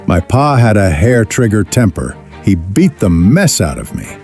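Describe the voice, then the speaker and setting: A man plays a rueful western outlaw telling his life story in a gravelly, low drawl. His delivery is wry and slow, with big swings in pitch over faint music. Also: big pitch swings, a little mellow. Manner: folksy drawl, wry and unhurried. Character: young male outlaw drifter recounting his rough life, rueful. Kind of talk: scripted first-person western narration.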